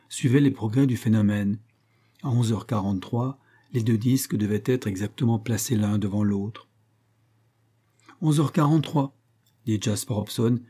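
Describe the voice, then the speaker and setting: A man narrating a classic novel as an audiobook, reading in a measured way, phrase by phrase. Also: lowish voice, mellow. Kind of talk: scripted narration.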